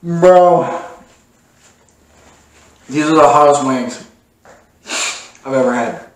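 A man's voice: a little high, slow pace. A young man in a casual reaction vlog, gasping and exclaiming with his mouth burning from spicy food and his eyes watering in pain. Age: young adult. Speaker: challenge video host. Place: small room at a dining table, indoors. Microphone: camera across the table. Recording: echoey room with background noise.

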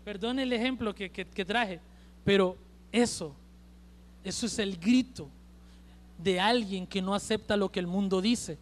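A male preacher with a Honduran accent delivering an emphatic sermon at a church service, swinging between loud and hushed. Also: high voice, measured pace, long pauses. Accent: Honduran Spanish.

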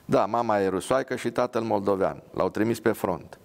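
A man's voice: fairly low pitch, gravelly. A man voicing a pious, blunt young woman dressed as a nurse, with an earnest, scolding manner.

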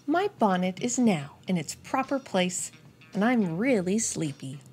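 Over soft background music, a young woman with a mid-range voice reads a picture book aloud for young children. She hosts the storytime with an expressive, animated, and deliberate delivery.

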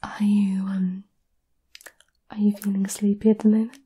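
A woman doing a whispered role-play as a gentle, caring witch, soothing and a little hesitant, close to the microphone. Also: mid-range voice, little pitch movement, normal speed. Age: 20s. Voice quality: breathy whisper. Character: gentle, caring centuries-old witch offering potions. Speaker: ASMR performer. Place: small candlelit indoor room.

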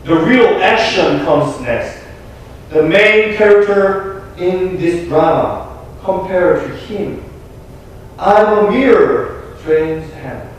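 A young man with a Korean accent, a pastor delivering an earnest, emphatic sermon with deliberate pauses. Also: high-pitched, a little hiss or hum. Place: small church sanctuary. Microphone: room mic from a distant camera. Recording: echoey church from far off.

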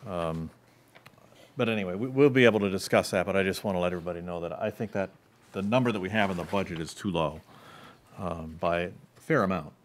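A man with a low voice speaks at a town board budget meeting, measured and hedging, often restarting his sentences. He talks into a table microphone in a municipal meeting room. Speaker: select board member.

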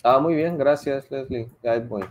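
A woman's voice: extremely low pitch, normal speed, a little mellow, a little hiss or hum. A woman teaching an English class online, explaining patiently step by step and mixing English example sentences into her talk.

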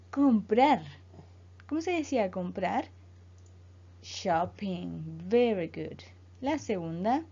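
A woman from Chile, an English teacher speaking slowly and clearly as she leads a school lesson. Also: on the high side, dark tone. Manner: slow, clear teacher delivery, repeating words for students. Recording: dull lo-fi voice recording.

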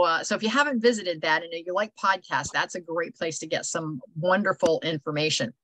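A woman's voice: lowish voice, fairly bright tone, no room sound, poor audio. An older woman, hosting a casual video call meetup, chatty and rambling with lots of fillers. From Ohio. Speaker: host. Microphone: video call microphone.

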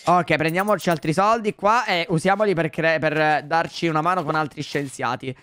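Young man, gaming commentary, high voice, smooth clear tone, excitable, talks to viewers. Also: normal speed. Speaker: gaming YouTuber. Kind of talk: Let's Play commentary.

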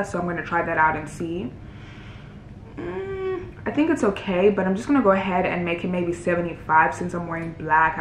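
A young woman walking through her video edits in a casual tutorial, relaxed and chatty, thinking aloud as she goes. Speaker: fitness creator showing her editing workflow. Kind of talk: casual screen-recorded tutorial. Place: indoor room, voice-over on a screen recording. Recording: roomy with faint rumble.

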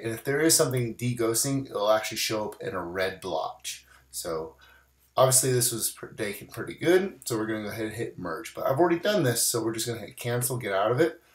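In an echoey room, a man of medium pitch records voice-over for a screen-captured photo edit. His voice hasn't fully come back since bronchitis. The walkthrough is easygoing, peppered with "we're gonna."

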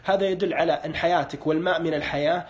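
A man's voice: on the high side, fairly even intonation, racing, husky. A man on a live broadcast, interpreting dreams and asking callers short questions, with a pious, hedging way of speaking. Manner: hedging with religious phrases.

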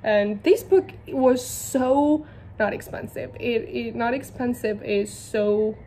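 A young woman from Georgia, a native Georgian speaker and book vlogger, chats casually in English about her books, giggly and self-deprecating. Her voice is fairly high and warm, she speaks slowly, and there's a little hiss or hum.

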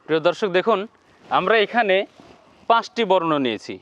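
High-voiced man teaching letter sounds. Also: expressive, brisk, fairly bright tone, highs cut off. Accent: Bangladeshi Bengali. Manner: repeats each sound and addresses viewers directly. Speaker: Quran teacher. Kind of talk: slow step-by-step lesson.

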